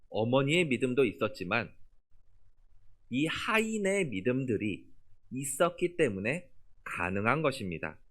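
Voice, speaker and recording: Standing in the sanctuary pulpit, this pastor preaches with an animated rise and fall in pitch. Scripture readings end with his closing words sinking down, low and gentle.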